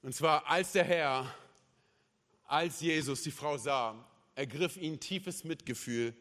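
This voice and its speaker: A man with a high-pitched voice preaches a sermon, his delivery impassioned and swinging between loud declarations and hushed passages. He keeps tagging his sentences with quick "hey" and "oder?" asides to the congregation. His voice carries a long reverb from a large church hall. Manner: peppers speech with "hey" and "oder?" tags. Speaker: pastor.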